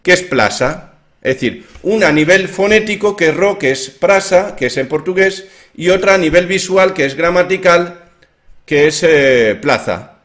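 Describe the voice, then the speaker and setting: Man, fairly high voice, hesitant, lots of fillers, informal lecture. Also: lively intonation, normal speed, fairly bright tone. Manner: hesitant, many fillers and restarts. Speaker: author explaining his theory of language.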